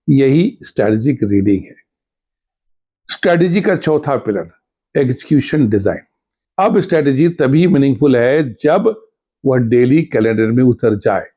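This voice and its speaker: Male teacher for a scripted exam-prep lesson. Slow and measured, soft warm tone, lists points one at a time. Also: medium pitch.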